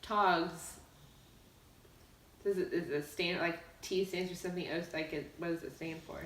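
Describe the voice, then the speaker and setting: A woman's voice: fairly low pitch, fairly even intonation, a little slow. A woman co-hosting a casual video blog, chatting in an echoey room at some distance from the microphone. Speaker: co-host of a couple's video blog. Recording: echoey room, distant mic, faint noise.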